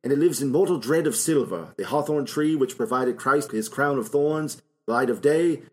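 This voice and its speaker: A man's voice: mid-range voice, animated, moderate pace. A man co-hosts a casual film podcast. He recaps scenes in a loose, rambling way, full of fillers and small laughs. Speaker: podcast co-host.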